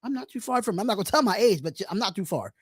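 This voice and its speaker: A man's voice: high-pitched, racing, breathy edge, no echo, studio quality. Laid-back man in his thirties. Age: 30s. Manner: relaxed, reads chat comments aloud, slangy. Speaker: podcast co-host. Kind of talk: casual sports podcast chat.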